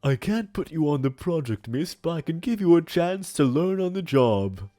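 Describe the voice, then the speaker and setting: Man doing businesslike job interviewer, formal, insistent, a little exasperated, higher-pitched, animated, comic reading. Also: moderate pace, soft background music, lightly acted. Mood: formal, patient.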